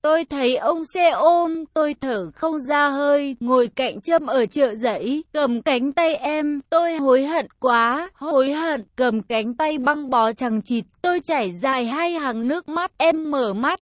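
A woman reads a heartfelt first-person story with emotional, dramatic delivery. Her voice is high, and the recording is dry and close with no room sound. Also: measured pace, few pauses, no room sound. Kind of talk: reading a first-person love story aloud.

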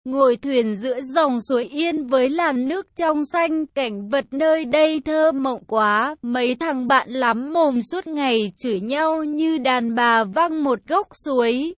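A woman's voice: high voice, a little slow, hardly any pauses, no echo. A woman narrating a first-person story in a casual, conversational way.

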